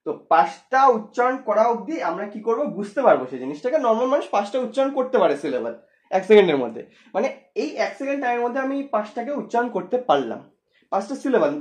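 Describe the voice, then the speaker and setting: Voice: mid-range voice, big pitch swings, rapid-fire, darkish tone. A physics teacher giving a lesson, explaining step by step, repeating points and asking rhetorical questions. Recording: echoey room.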